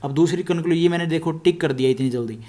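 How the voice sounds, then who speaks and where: A man teaching an exam-prep reasoning lesson, explaining step by step and slowly repeating each statement, with terms. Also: a little high, warm tone.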